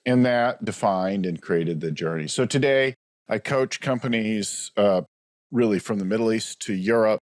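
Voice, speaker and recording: A man's voice: fairly low pitch, darkish tone, dry recording, clean studio sound. Reflective man in his forties on a call. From United States. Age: 40s. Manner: reflective, frequent tag "right?". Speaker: business coach guest. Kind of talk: conversational storytelling on a video call. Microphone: video call.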